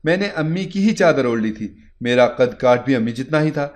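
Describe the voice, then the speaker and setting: A man reading a first-person moral story in a steady, earnest narration. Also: mid-range voice.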